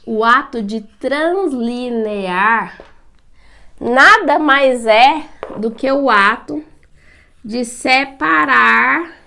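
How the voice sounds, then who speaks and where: Lively Brazilian woman teaching writing. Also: on the high side, extremely slow, vocal fry. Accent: Brazilian Portuguese. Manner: asks students questions and answers them herself. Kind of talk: whiteboard lesson.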